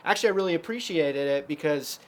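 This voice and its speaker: A man's voice: fairly high pitch, animated, fast talker. A man teaching a casual guitar lesson, explaining chords step by step with lots of fillers.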